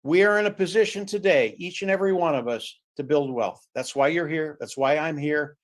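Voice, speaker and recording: A man presenting on a webinar video call, giving a punchy, repetitive motivational sales pitch. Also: a little fast.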